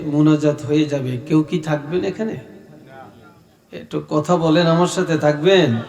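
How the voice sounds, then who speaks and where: A middle-aged man from Bangladesh preaching a sermon at an open-air gathering, speaking slowly and softly without hurry. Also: a little high. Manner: slow, soft-spoken, unhurried. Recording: echoey reverberant public address.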